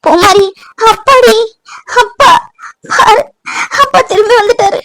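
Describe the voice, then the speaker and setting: A woman voicing a devoted village wife and mother in an animated family drama, pleading and soothing. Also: sits high, fairly quick, no echo, low-quality recording. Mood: tearful. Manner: pleading, soothing, then bustling.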